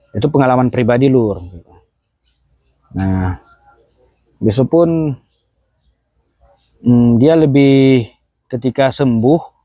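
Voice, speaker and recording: A man, a goat farmer, talking in a relaxed and chatty way outdoors at his goat pen, tagging his sentences with little asides. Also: mid-range voice, no echo. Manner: relaxed and chatty, keeps tagging phrases with "Lur" and "ya kan". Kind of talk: casual vlog chat.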